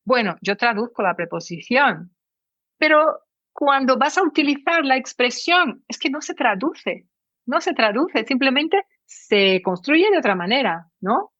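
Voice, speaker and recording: Woman, higher voice, dry, muffled sound. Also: measured pace, no room sound. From Brazil. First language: Portuguese. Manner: lively, explains with examples. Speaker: guest, Spanish teacher. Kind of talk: explanatory interview talk.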